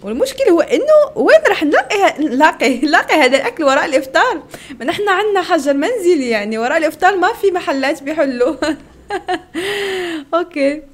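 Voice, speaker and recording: A woman's voice: very high voice, big pitch swings, fast. A young woman, reacting to food videos in a casual vlog, giggling often and exclaiming playfully.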